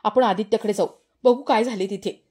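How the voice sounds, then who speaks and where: A woman's voice: mid-range voice, brisk, mellow, breathy edge, lightly acted. A woman reading the part of an anxious middle-aged mother.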